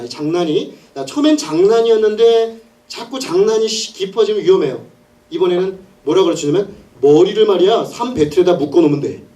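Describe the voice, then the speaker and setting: A male pastor preaching an animated sermon, telling the story with laughs and acted-out scenes. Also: high voice, recorded from a distance.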